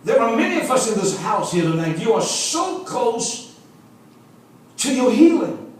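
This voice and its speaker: With a very high voice, big pitch swings, and a measured pace, a visiting preacher delivers an English revival sermon, though Afrikaans is his first language. His rhythmic repetition climbs toward emphatic calls, broken up by joking asides to the congregation. Captured from a distance in an echoey church sanctuary, the recording carries a little hiss or hum.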